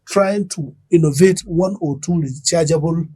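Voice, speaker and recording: A middle-aged man with a Nigerian accent is an expert guest in a broadcast interview, explaining his points methodically. His husky voice is warm and fairly high-pitched, moving at a normal speed.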